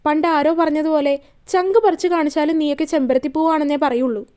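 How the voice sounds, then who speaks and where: A woman's voice: high-pitched, fairly even intonation, fast talker, lightly acted. A woman voicing a tender young man in love. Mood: hurt. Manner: softly pleading and playful.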